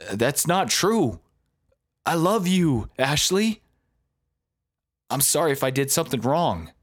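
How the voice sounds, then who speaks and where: A man's voice: a little high, big pitch swings, slow pace, voice pushed up, exaggerated voice. A man voicing a young man in love who pleads desperately and tries to console. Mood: consoling.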